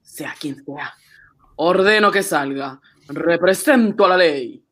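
Here an actor voices a suspicious, menacing police inspector for a radio drama, barking demands with gasping unease. The male voice is a little high and fairly bright, moving at a slow pace, with an uneasy, demanding mood.

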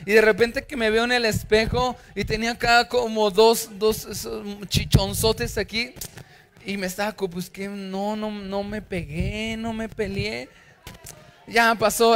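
A man's voice: sits high, bright, forceful tone. A middle-aged man with a Mexican Spanish accent, preaching a sermon through humorous anecdotes and acting out characters. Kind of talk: storytelling sermon.

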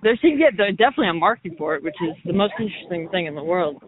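A man chatting casually as a podcast co-host in a deadpan, teasing way, talking outdoors near a road. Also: high voice, rapid-fire, background noise. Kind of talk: casual chat. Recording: tinny, dry phone line.

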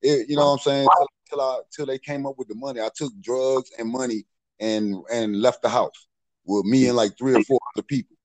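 A man's voice: mid-range voice, steady tone, fairly quick, a little mellow, dry recording, poor audio. A middle-aged man telling street stories in a casual, profane way, full of "you know what I'm saying.". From Maryland, USA. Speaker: podcast storyteller.

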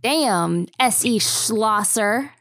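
A woman's voice: on the high side, lively intonation, very slow, fairly bright tone. A young woman co-hosting a podcast, reading a spooky story aloud with dramatic flair and the odd stumble. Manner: dramatic storytelling with small slips. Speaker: podcast co-host.

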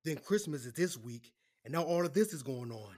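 A man's voice: on the high side, lively intonation, a little fast, darkish tone. A man playing a sheepish, defensive lawyer. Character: apologetic male lawyer, defensive. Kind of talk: audio drama acting.

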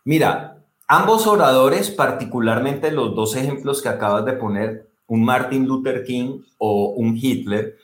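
A man's voice: medium pitch, measured pace, hardly any pauses. A man, a speaking coach, explaining technique expressively as an interview guest and stressing words to demonstrate. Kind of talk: animated explanatory talk. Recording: roomy echo.

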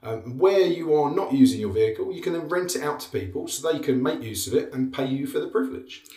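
A man's voice: a little high, animated, quick pace, mellow. A man with an Essex accent co-hosting a podcast in casual, dryly bantering chat. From Essex, England. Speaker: podcast co-host. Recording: roomy, echoey sound.

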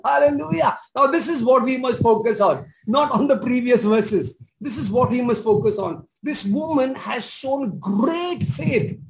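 A pastor delivers a sermon in a high voice. He stresses and repeats his main points and breaks into exclamations. A faint hiss sits under the recording. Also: low-quality recording. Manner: emphatic, repeats key phrases, exclaims.

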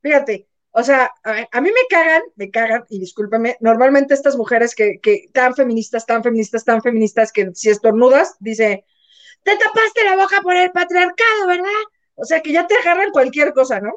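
A woman's voice: on the high side, moderate pace, hardly any pauses. A Mexican woman hosting a casual gossip chat, telling stories with acted-out quotes and casual swearing. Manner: animated storyteller, acts out quotes, swears casually. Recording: slightly dull, lo-fi sound.

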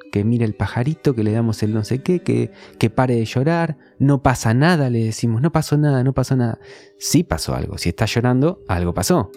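A man's voice: medium pitch, mellow. A man with a Rioplatense Spanish accent, talking in a casual conversation and explaining his ideas through everyday examples.

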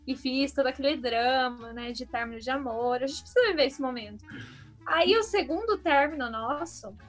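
A woman's voice: high voice, moderate pace, faint music behind. A woman casually telling a story among friends, dramatic and self-mocking.

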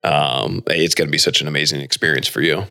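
A man in his late thirties with a very deep voice hosts a podcast. He talks in an upbeat, rambling way, full of "you know" and restarts. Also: fairly even intonation, fairly quick, creaky, sharp tone. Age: 30s. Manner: enthusiastic, loose with frequent fillers. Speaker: podcast host. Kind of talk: casual podcast chat.

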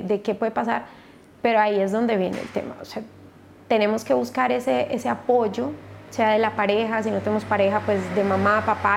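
A woman, a podcast guest and mother, telling her personal story in a halting way with many restarts. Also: fairly high pitch, creaky, a little hiss or hum.

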